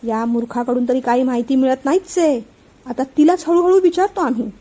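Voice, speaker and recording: Woman reading as a meddling, sharp aunt. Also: sits high, brisk. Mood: prying. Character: meddling, sharp-tongued middle-aged aunt.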